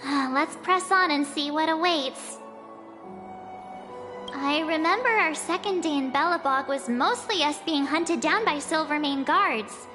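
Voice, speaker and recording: A perky young woman traveller from a video game, with a high, bright voice. She is chatty and a little sheepish, heard in long reverb with music behind. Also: a little slow. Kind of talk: English video game voice acting.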